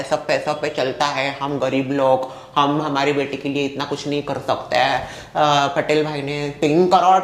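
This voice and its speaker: A man's voice: on the high side, natural voice. A man playing a gossiping middle-aged neighbor woman who passes on rumors and then denies saying them, in a comedy sketch. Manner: gossipy, defensive, drops voice when quoting others. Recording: echoey room, faint music.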